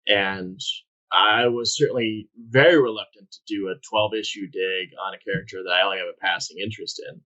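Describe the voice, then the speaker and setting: A man's voice: on the low side, fairly even intonation, brisk, pushed and bright, highs cut off. A man co-hosting a casual podcast, talking candidly with casual swearing and meandering asides. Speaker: podcast co-host. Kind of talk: casual chat about comics.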